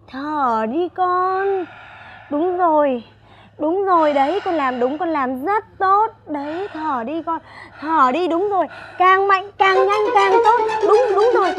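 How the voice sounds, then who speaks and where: A shrill, flustered mother. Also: a bit bright, muffled recording, slight background noise. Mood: coaching. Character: flustered fussy middle-aged mother. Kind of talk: stage comedy sketch.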